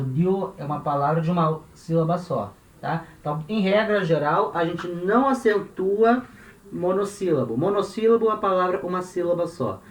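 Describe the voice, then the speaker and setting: Brazilian man teaching, echoey room. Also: fairly high pitch. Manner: patient, repeats points, tags phrases with "né?" and "tá?". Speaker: Spanish teacher. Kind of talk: explanatory language lesson. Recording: echoey room with faint ambient noise.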